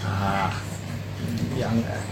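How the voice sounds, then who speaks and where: A native English-speaking man with an Australian accent, giving a casual interview in halting, simple Indonesian as a foreign learner. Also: lowish voice, little pitch movement. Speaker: interview guest. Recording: roomy echo, clear background noise.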